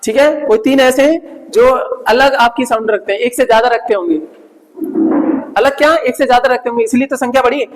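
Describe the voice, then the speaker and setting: A man's voice: extremely high pitch, a little fast, in a large hall, low-quality recording. A male teacher giving a classroom lecture, asking his class questions and answering them himself.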